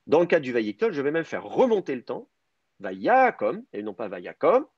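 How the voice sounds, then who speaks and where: A man's voice: mid-range voice, big pitch swings, fast, a little mellow, no room sound, dull audio. A man teaching a Hebrew grammar class online, explaining step by step and thinking aloud with many hesitations.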